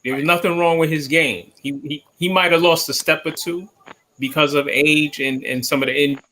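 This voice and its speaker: A man co-hosting a casual sports talk show over a remote call, laying out steady, opinionated analysis. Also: on the high side, moderate pace, poor audio. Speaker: co-host.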